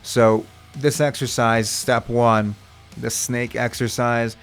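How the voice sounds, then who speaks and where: A man speaks as a vocal coach in an instructional video. His mid-pitched voice has plenty of fry, and he explains each step in a reassuring way. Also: little pitch movement, slow pace, soft background music.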